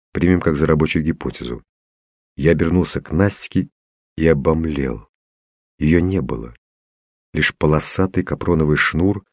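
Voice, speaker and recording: A man narrates a first-person audiobook with tense, dramatic storytelling. His voice sits extremely low, and the studio sound is dry and close-miked. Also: dry recording.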